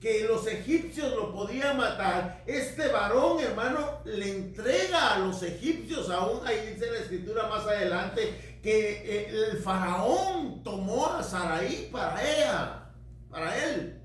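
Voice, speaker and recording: A male preacher giving an animated sermon, often calling his listeners brother. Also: sits high, slow pace, slight background noise. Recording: very echoey hall, voice from far off, faint background.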